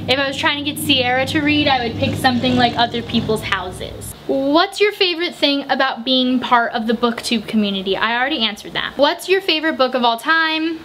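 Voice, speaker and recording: A young American woman with a slightly high voice runs through viewer questions in a casual home vlog. She answers in quick, chatty bursts. A faint hiss of room noise sits under the camera mic. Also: a bit bright. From United States. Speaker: book vlogger. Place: home room with bookshelves, indoors.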